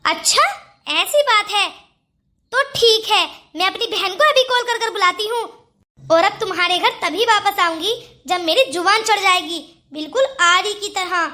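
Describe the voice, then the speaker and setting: A fiery young wife from a cartoon who fires back with sharp, indignant retorts. Her voice is very high and bright. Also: moderate pace. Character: young wife, quick-tempered and proud. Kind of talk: cartoon voice acting.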